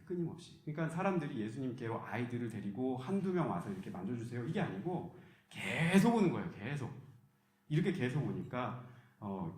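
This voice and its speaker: A man preaching a sermon as pastor, telling the story in a lively way and acting out the voices he quotes. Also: mid-range voice. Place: church hall. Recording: roomy church echo.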